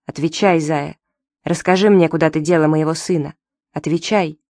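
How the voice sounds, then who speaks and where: Woman doing a wronged mom, anguished, accusing, lowish voice. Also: steady tone, moderate pace, darkish tone, dry recording. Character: wronged mother, grieving and accusing.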